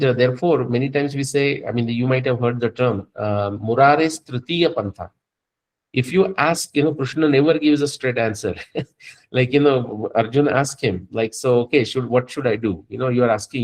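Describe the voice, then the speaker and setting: A man's voice: medium pitch, low-quality recording. A man giving a spiritual lecture, explaining step by step with frequent fillers and restarts.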